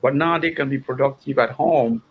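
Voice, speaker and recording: A man's voice: mid-range voice, normal speed, highs cut off, a little hiss or hum. A man from Cameroon promoting a company on a panel, emphatic and repetitive. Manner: emphatic, repeating phrases.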